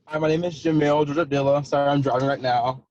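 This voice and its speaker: A young man, a student, calling in to a video meeting from his car while driving, giving a polite, slightly halting introduction. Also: on the high side, steady tone, darkish tone, no room sound. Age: young adult. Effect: call audio from a phone while driving. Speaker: student club member. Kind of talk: casual self-introduction. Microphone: phone on a video call. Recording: dull, dry lo-fi call audio.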